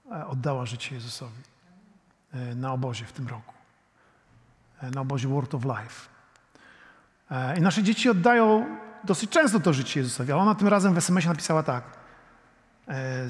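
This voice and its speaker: High-voiced preacher in a reverberant hall. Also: male voice. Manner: swings between soft, intimate prayer and loud, emphatic preaching; addresses the congregation directly, often saying "you know". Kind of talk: sermon.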